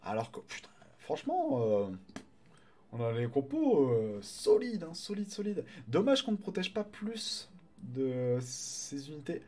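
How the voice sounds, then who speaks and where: A man casting a live online game tournament, chatty and excitable, greeting viewers and swearing casually. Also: fairly high pitch, a little slow. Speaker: tournament caster and streamer.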